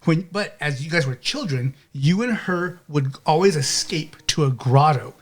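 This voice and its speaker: A male game master with a higher voice who narrates loosely and keeps checking in. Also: animated, moderate pace. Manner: rambling, with many restarts and "okay?" checks.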